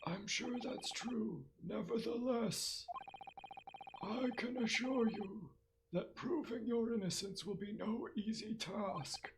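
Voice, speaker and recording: A man doing a measured, formal old professor. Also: high voice, gravelly, background noise, pitched above the performer's own voice, heavily acted. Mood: grave. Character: courteous elderly male professor, formal and measured. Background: game music.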